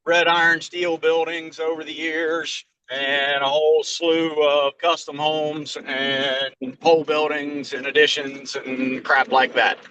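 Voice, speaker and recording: Ohio guy on a crappy low quality video call stream, driving, bright kinda high voice, easygoing, lots of uhs. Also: flat delivery, slow pace, few pauses, clean tone, dull audio. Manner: easygoing, hesitant with fillers and restarts. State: driving a vehicle. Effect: low quality streamed video call audio. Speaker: general contractor seeking advice. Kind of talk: casual video call chat.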